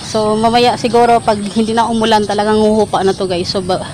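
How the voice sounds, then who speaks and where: A woman's voice: medium pitch, flat delivery, fast talker. A cheerful young woman vlogging outdoors at a flooded farm, laughing often and talking to her viewers as guys. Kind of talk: casual vlog chat. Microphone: phone at arm's length. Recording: outdoor noise from a phone.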